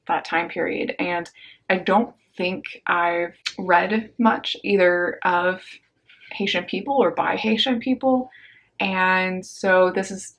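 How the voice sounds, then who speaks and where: A young woman casually chatting about a book haul on her vlog, slangy and upbeat, with quick asides. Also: fairly low pitch. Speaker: book vlogger.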